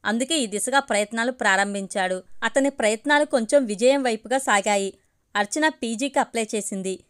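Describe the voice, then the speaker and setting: A woman reading a serialized story aloud in steady, measured narration. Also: on the high side, smooth.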